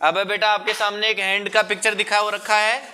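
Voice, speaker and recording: A man teaching a primary school class, patiently coaxing the children and drawing words out slowly to show the sounds. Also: high voice, flat delivery, pushed and bright, smooth. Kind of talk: classroom lesson.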